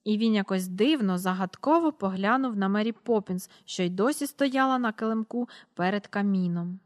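A woman reading a storybook aloud in a steady voice, announcing the page numbers as she goes. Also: mid-range voice, normal speed. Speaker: reader.

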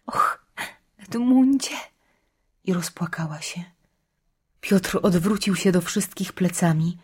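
A woman narrating an audiobook with steady, grave storytelling, sinking to a whisper at the hushed parts. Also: fairly low pitch, slightly rough.

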